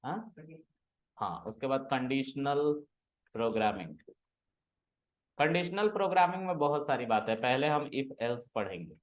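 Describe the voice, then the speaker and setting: A man's voice: mid-range voice, very animated, a little slow, pauses often. A man teaching a programming class, casually quizzing and teasing his students in a classroom. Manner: teasing, asks students questions and scolds them.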